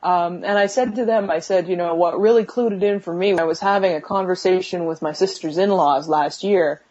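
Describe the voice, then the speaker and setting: A woman's voice: fairly low pitch, fairly quick, a little mellow, muffled recording. A woman answering interview questions over a bad phone video call from her bedroom, with a connection that breaks up, and speaking hesitantly with many fillers. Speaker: interview guest. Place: bedroom at home. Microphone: video call app on a phone.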